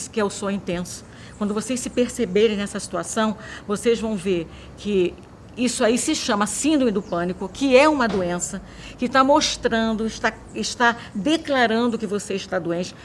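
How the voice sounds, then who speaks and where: A woman's voice: a little high, expressive, moderate pace, slight background noise. Woman explaining with vivid comparisons. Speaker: doctor interviewed on mental health. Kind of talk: documentary interview, explaining.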